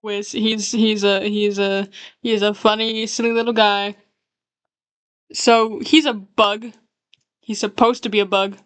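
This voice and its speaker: A woman's voice: medium pitch, little pitch movement, moderate pace, smooth, dry recording. A woman streamer chatting casually while drawing, rambling as she explains her characters. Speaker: streamer and artist.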